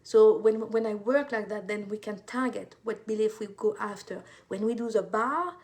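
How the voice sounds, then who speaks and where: A woman's voice: medium pitch, normal speed, darkish tone. A woman from France with a French accent, an intuitive life coach talking casually to viewers, full of fillers and repeated words.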